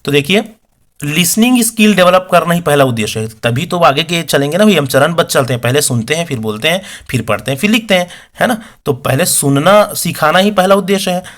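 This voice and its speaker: A man teaching an exam-prep lesson, reading English questions slowly and then explaining the answers conversationally, often tossing rhetorical questions to the viewers. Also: on the high side, animated, a bit bright.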